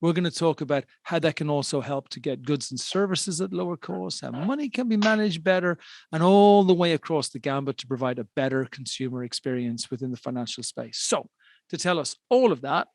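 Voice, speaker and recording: A man's voice: medium pitch, no echo, studio quality. A man hosting a podcast interview, enthusiastic and emphatic, repeating words for stress. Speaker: podcast host and investor.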